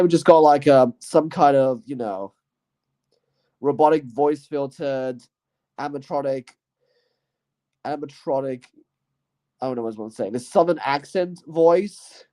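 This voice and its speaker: A man's voice: medium pitch, warm tone. A man hosting his own channel, talking through his year and reviewing movies in a casual, rambling way, hedging often and trailing off. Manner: rambling and hesitant, full of "you know" and "I guess". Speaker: channel host.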